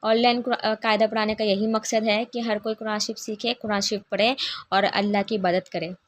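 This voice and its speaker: A woman's voice: medium pitch, flat delivery, a little fast, no echo. A woman teaching a beginners' Quran reading lesson, patient and encouraging, drawing out each letter sound for learners to repeat.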